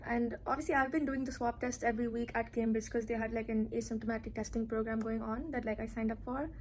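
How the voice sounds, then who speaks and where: A woman's voice: on the high side, little pitch movement, quick pace, a little mellow, slight background noise, low-quality recording. A young woman from Singapore, a student vlogging casually from a hotel room, chatty and giggly with lots of "like". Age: young adult. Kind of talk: casual vlog chat.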